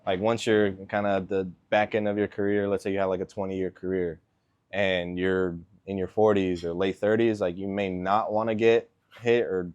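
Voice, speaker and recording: A man in his twenties, born in Venezuela and raised in Miami, answering interview questions as an NFL kicker in a relaxed way, with lots of filler words. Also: low voice, moderate pace, clear, resonant tone, muffled recording. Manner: laid-back, lots of ums and likes.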